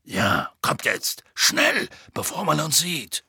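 A man voicing a huge, gruff half-giant groundskeeper with a slow, raspy, folksy way of talking. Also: on the high side, wildly swooping pitch, pushed and bright, no echo, studio quality, voice pushed up, full character voice. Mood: urgent gruff. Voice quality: gravelly, raspy.

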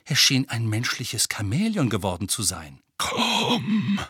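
A man narrating an audiobook in an expressive, lively storytelling manner, close to the mic. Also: fairly low pitch, normal speed, slightly rough, dry recording.

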